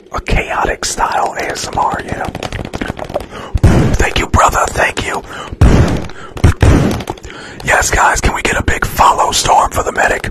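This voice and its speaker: Male streamer, breathy whisper throughout, casual and chatty, running an ASMR live. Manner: whispering, chatty, thanking viewers for gifts. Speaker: livestream host.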